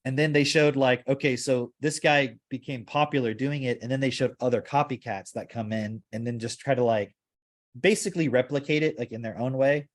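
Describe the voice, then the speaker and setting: A man talks loosely on a podcast at a middle pitch, circling his ideas and leaning on "like" between phrases. His delivery is easygoing and conversational. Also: fairly even intonation, a little fast. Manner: rambling, heavy use of "like". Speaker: podcast host. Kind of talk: casual podcast discussion.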